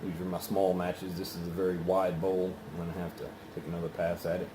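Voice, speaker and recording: A man chatting casually through a solo review in an unhurried, halting, rambling way, with pauses. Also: low voice, little pitch movement. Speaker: pipe tobacco reviewer. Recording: roomy echo, faint background noise.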